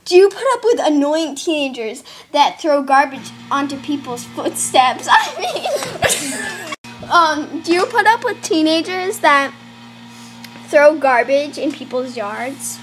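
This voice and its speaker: A woman's voice: high voice, animated, measured pace, soft background music. A woman interviewing in an amateur role-play, giggly and hesitant with many fillers. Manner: giggly, hesitant, lots of ums.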